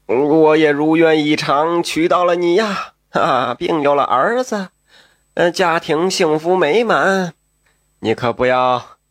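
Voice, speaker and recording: A man's voice: a little high, a bit bright, no echo, studio quality. A man voicing a drunk, scheming rich husband. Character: scheming wealthy young husband, drunk, confessing.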